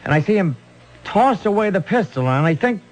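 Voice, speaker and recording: A man's voice: high-pitched, big pitch swings, fairly quick. An actor playing a flustered, earnest policeman in an old-time radio mystery, stammering and hesitating as he thinks aloud. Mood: puzzled, agitated. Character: flustered, earnest, unsure policeman reporting to his boss.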